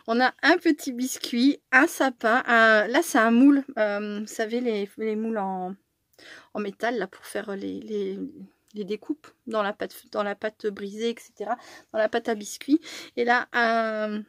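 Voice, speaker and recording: A woman chatting casually through a scrapbooking tutorial, excitable and tired, with many fillers and restarts. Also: on the high side, no echo, studio quality. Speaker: scrapbooking vlogger. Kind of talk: casual crafting tutorial chat.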